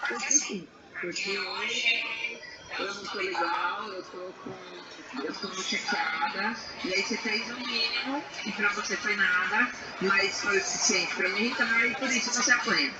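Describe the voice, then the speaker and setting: Woman in her 30s chatting on a video call, lively storyteller, far off mic, roomy echo. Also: mid-range voice, loud music behind the voice. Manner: animated storytelling, quick asides. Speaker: reading group participant. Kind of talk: casual chat.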